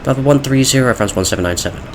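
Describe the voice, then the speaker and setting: A man's voice: medium pitch, very fast. A man playing a pilot in a flight simulator, reading back air traffic control instructions and calling out takeoff steps in a clipped, procedural way. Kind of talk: pilot cockpit radio calls and callouts.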